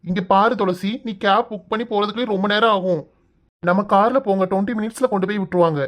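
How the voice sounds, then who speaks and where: Woman voicing a fast-talking kind young boss. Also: mid-range voice, natural voice. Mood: coaxing. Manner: coaxing, reassuring. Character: young male office boss, kind and persistent suitor. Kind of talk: cartoon voice acting.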